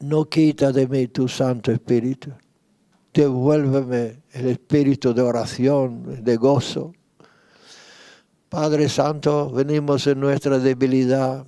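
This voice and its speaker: A man, a pastor, leading a sermon and spoken prayer, repeating his pleas slowly and fervently. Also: medium pitch, level tone, dark tone, no room sound. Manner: slow fervent praying, repeating pleas, rising in intensity. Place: church retreat.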